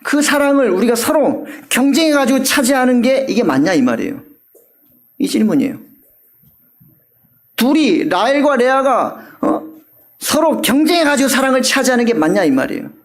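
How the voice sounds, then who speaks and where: A male pastor giving an animated sermon, often asking the congregation questions. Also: extremely high pitch, normal speed.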